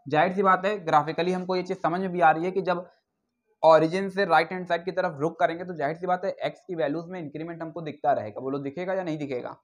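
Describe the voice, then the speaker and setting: A male maths teacher giving a classroom lecture, often asking if students follow and dictating definitions slowly. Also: fairly high pitch, fairly even intonation. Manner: keeps asking if students follow, repeats key terms. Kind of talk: classroom lecture on real analysis.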